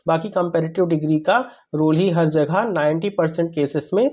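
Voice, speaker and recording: A man's voice: a little high, fairly even intonation, moderate pace, a little mellow, muffled recording. A man teaching English grammar, who keeps asking questions and answering them himself and calls his listeners brother. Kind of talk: classroom-style grammar lesson.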